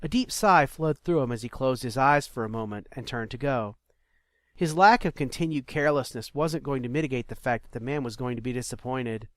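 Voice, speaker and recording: A man reading an audiobook chapter in a steady, measured storytelling manner. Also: medium pitch, dry recording, clean studio sound. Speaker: narrator. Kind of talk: scripted audiobook narration.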